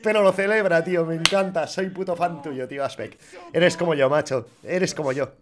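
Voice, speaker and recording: A man doing crude, joking, excitable reaction commentary on gaming clips. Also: fairly high pitch, moderate pace. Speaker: gaming YouTuber.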